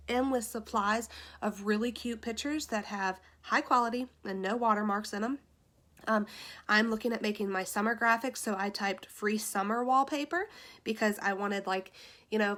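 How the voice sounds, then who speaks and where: A woman's voice: mid-range voice, fairly bright tone. A woman giving a casual tutorial on making social media graphics, chatting to viewers through a phone in her room. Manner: chatty, addresses viewers as you guys and y'all. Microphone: phone camera pointed at ceiling.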